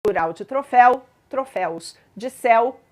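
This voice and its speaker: A woman's voice: a little high, animated, unhurried. A woman teaching grammar in a patient explanatory lesson, spelling out examples and checking in with listeners.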